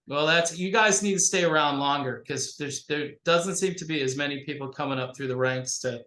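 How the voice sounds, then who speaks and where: A man hosting a casual interview over a thin, tinny microphone with no bass, talking in a rambling, halting way full of fillers. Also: sharp tone. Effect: thin tinny microphone sound with no bass. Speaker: interview host. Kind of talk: casual video-call interview. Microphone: home computer microphone. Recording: tinny mic in an echoey room.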